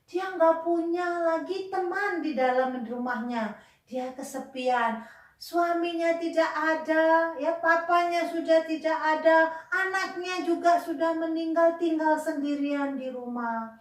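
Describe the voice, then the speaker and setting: A woman teaching a Sunday school lesson to children, gentle and coaxing, asking them questions and sighing with sympathy. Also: very high-pitched. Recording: echoey room with faint music.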